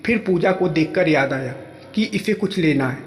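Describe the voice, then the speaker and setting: A man telling a first-person story in plain, steady narration. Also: fairly high pitch, normal speed. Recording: echoey room with long reverb.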